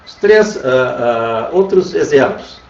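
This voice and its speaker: A man's voice: medium pitch, lively intonation, takes it slowly, vocal fry. A man with a Brazilian Portuguese accent teaching an online Spanish class, patiently repeating "tá?" to check that students follow. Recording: roomy, distant, dull lo-fi sound.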